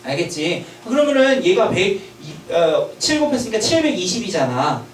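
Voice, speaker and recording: A man with a high, animated voice leads a math lesson and keeps firing checking questions at his students. Now and then he scolds them sharply. He sounds distant in an echoey room, with faint ambient noise behind him. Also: moderate pace. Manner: lively, emphatic delivery, sometimes scolding. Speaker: math teacher. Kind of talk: classroom math lecture.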